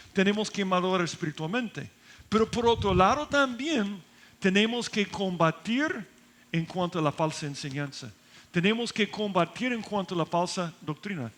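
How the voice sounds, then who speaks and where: A man's voice: sits high, a bit bright. A man preaching a sermon in church, telling a story with frequent rhetorical questions and restarts. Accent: American. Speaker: pastor.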